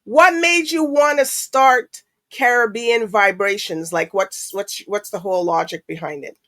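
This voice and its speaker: A woman hosts a casual talk show interview, chatty and loose, with frequent fillers. Her voice sits in a mid-range pitch. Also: a little slow, bright, forceful tone, dry recording.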